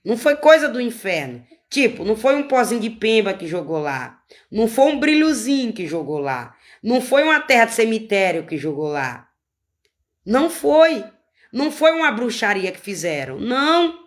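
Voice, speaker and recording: Lady preaching, fervent, repeats herself, pitch jumps all over. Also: sing-song, fairly quick. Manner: fervent, repeats phrases for emphasis. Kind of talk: informal sermon.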